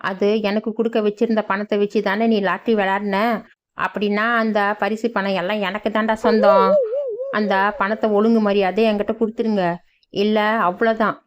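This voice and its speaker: A woman's voice: medium pitch, flat delivery, moderate pace, lightly acted. A greedy cheating village man in a cartoon, making threats and demands, as a woman puts him on. The voice stays close to her own. The sound is dull and lo-fi. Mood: demanding. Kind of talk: cartoon voice acting.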